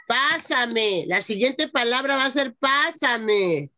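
A woman's voice: on the high side, lively intonation, slow pace, sharp tone. A woman teaching an online class to young children, patiently dictating and sounding out words syllable by syllable over a video call. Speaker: primary school teacher.

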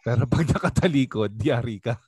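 Filipino pastor doing bible study, lively voice that swings up and down, dry close sound. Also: male voice, mid-range voice, a little fast, slightly rough, dry recording. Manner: animated, conversational, asks the group questions. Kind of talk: Bible study teaching in mixed Tagalog and English.

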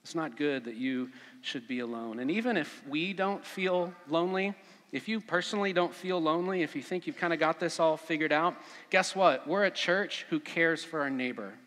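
A man preaching a conversational sermon as pastor at a pulpit microphone, relaxed, with frequent fillers. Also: on the high side, normal speed. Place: church sanctuary. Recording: long church reverb.

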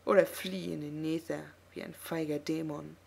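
A woman reading aloud and voicing a bitter, contemptuous male undead death knight, speaking in a hissing, husky way. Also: low voice, fairly even intonation, moderate pace, a little mellow, exaggerated voice. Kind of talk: audiobook reading.

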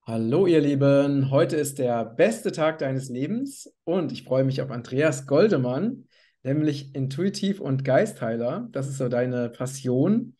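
A man's voice: medium pitch, expressive, unhurried, mellow. A man hosting an interview, asking friendly questions and affirming with frequent mhm's. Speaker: podcast host.

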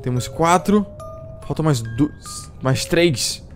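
A man with a fairly high, expressive voice speaks slowly while streaming a horror game, with game music playing faintly behind. He reacts jumpily to scares with yelps and exclamations, talking to himself about what to do.

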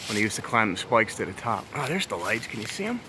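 Speaking quickly in a lowish male voice over a noisy background, this urban explorer vlogger leads a laid-back walking tour of an overgrown, abandoned place outdoors. He talks to his viewers while walking and keeps voicing his amazement.

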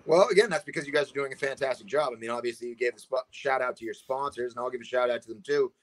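A man's voice: medium pitch, rapid-fire. A man, a guest on a video call, talking in a rambling way and often asking "you know what I mean". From Massachusetts. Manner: rambling, repeats 'you know what I mean'. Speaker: guest, combat sports promoter. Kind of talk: casual video call chat. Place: indoor room at home. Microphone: video call webcam.

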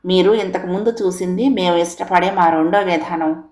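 A woman's voice: lowish voice, fairly even intonation, normal speed, a little mellow, close to an everyday voice. Cutting, unbending older wife, voiced by a woman narrator, audio story, roomy. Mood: calm. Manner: warning, cutting.

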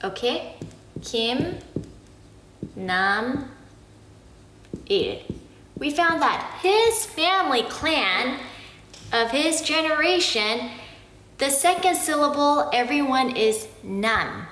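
Slow, bright-voiced woman explaining patiently. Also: high-pitched, big pitch swings, roomy sound, poor audio. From Korea. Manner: slow, patient, checks in with frequent "okay?". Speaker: family vlogger explaining Korean naming. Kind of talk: casual explanatory talk to camera.

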